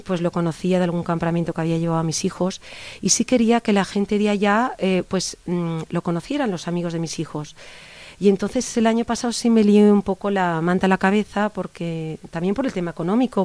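This interview guest is a youth organizer from Barcelona, Spain, a middle-aged woman with a warm, mid-range voice. In a relaxed conversational setting she rambles earnestly and at length, often restarting her sentences, on a dry recording.

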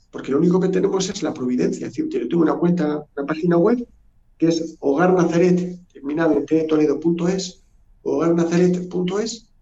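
A priest telling a lively story on a radio interview. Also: male voice, fairly high pitch, creaky, roomy sound. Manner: animated anecdotal storytelling. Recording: dull lo-fi audio.

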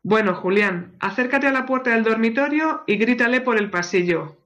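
A woman voicing a patient family doctor who gives measured instructions in a radio joke. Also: fairly high pitch, animated, fairly bright tone. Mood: calm.

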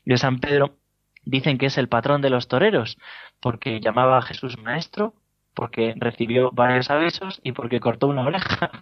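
A man with a Spain Spanish accent preaching a sermon as a priest, telling stories with gentle humor and chuckles. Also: mid-range voice, normal speed. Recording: dull lo-fi dry sound.

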